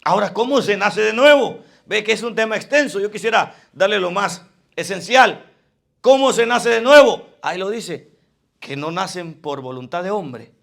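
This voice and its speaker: A man preaching a fervent sermon, rising loud for emphasis and dropping low for asides. His voice sits high and carries a gravelly edge. It has a bright, forceful ring. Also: expressive, normal speed.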